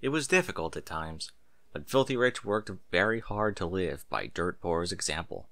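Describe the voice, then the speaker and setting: A man reads fan fiction aloud like an audiobook, delivering scripted narration emphatically and theatrically. His low voice swings widely in pitch at a moderate pace, with a fairly bright tone, and the recording is dry.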